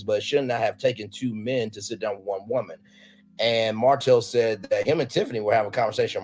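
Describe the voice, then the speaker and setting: Male co-host, gossipy and very expressive, faint music bed. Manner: animated, swings from low mutters to loud high exclamations. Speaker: podcast co-host recapping a reality show. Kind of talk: casual gossip chat with impressions.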